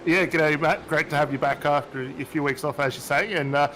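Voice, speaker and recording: A man giving steady, measured analysis as a race co-commentator. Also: fairly high pitch, a little hiss or hum, poor audio.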